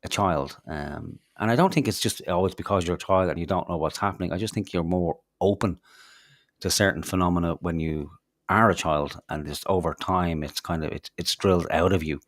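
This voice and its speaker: A man's voice: deep voice, brisk, dry recording, studio quality. A man, co-hosting a podcast, telling rambling stories in casual chat with lots of fillers, restarts and swearing. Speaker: podcast co-host.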